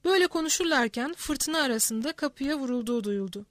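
Female audiobook narrator, high voice, steady even read; dry close mic. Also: brisk, no room sound. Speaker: audiobook reader. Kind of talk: scripted narration.

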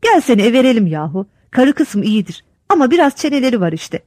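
Woman doing an old village headman, blunt, lecturing, folksy sayings, lively pitch, dry sound. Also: quick pace, no echo.

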